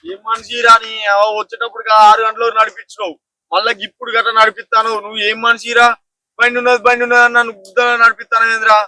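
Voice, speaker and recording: A man's voice: extremely high pitch, monotone, fast talker, bright, forceful tone, dry recording, poor audio. A young man, acting in a village comedy sketch, anxious and complaining. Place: outdoors in a village.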